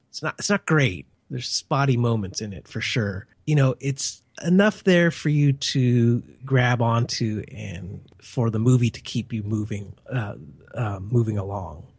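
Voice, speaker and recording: A man's voice: medium pitch, vocal fry, a little mellow, slightly rough, dry recording. A man reviewing a film in casual chat, rambling and peppering his talk with "you know".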